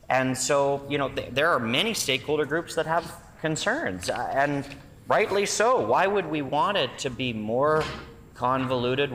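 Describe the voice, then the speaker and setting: A man's voice: mid-range voice, pushed and bright, a little hiss or hum. A man with a Canadian accent giving a combative, critical, emphatic speech as an opposition legislator. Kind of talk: parliamentary debate speech. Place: large indoor legislative chamber. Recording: reverberant legislative chamber.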